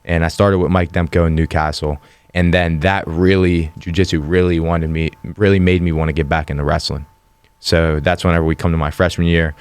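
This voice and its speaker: A man's voice: sits low, clean tone. A man in his twenties from western Pennsylvania, a guest telling his story in a plain, matter-of-fact way. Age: 20s. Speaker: guest, fighter. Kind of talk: casual interview.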